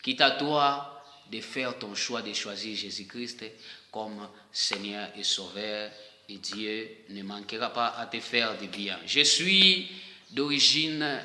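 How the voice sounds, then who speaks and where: A man from DR Congo with a Congolese French accent, preaching a sermon to online viewers. He speaks emphatically, repeats key phrases and pauses often. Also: lowish voice, sharp tone, slight background noise. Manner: emphatic and repetitive, with hesitant pauses. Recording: echoey room with long reverb.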